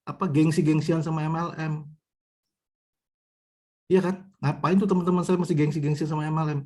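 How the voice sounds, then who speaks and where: Husky-voiced man giving a motivational talk. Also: fairly high pitch, warm tone. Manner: conversational, repetitive, addresses audience directly. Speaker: business trainer.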